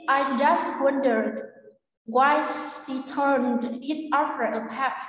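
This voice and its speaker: A woman teacher with a Vietnamese accent goes through an English quiz, repeating key words slowly and checking in with her students. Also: sits high. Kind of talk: explaining a quiz lesson. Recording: echoey room, voice far from mic.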